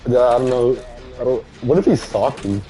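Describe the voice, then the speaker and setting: A man's voice: mid-range voice, normal speed, warm tone. A young man streaming a game with friends, trading crude, laughing banter in casual chat.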